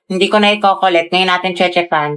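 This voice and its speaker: A woman's voice: lowish voice, steady tone, fairly quick. Chatty young woman in a skit, crowd noise behind her. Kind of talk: acted comedy skits.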